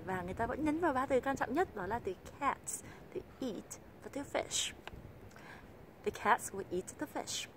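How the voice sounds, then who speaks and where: Vietnamese woman teaching English rhythm, traffic behind. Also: fairly high pitch. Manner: patient, repeats example phrases slowly and clearly. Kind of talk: video lesson, explaining and modeling example sentences.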